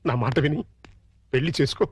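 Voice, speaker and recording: A man's voice: mid-range voice, a little fast, slightly rough, lightly acted. An actor playing an older grandfather earnestly pleading with his son-in-law to remarry. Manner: earnest, lamenting.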